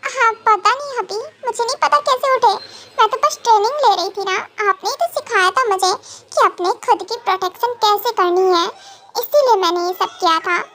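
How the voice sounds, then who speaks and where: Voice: extremely high pitch, moderate pace, bright, forceful tone, a little hiss or hum, heavily acted. A reader voicing a timid, clingy pregnant young woman in an amateur fan dub, pleading and whiny. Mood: shaken.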